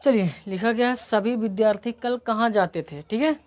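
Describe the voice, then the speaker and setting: A woman's voice: fairly high pitch, normal speed, a little mellow. A woman teaching an English grammar lesson, explaining step by step and often checking that her students follow, and she has a slight cold. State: coming down with a cold.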